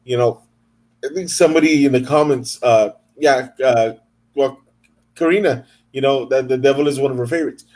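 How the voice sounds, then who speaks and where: A man's voice: medium pitch, moderate pace, darkish tone. A man hosting an interview, enthusiastic and stammering, repeating words as he searches for what to say. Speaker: interview host. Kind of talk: casual interview chat.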